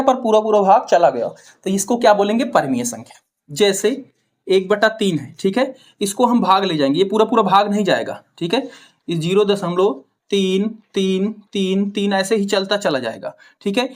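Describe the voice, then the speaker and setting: A woman's voice: medium pitch, expressive, moderate pace, darkish tone. A woman with a Hindi accent from Uttar Pradesh teaching maths. She asks questions, answers them herself and keeps checking with "ठीक है". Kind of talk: classroom-style explanation to students.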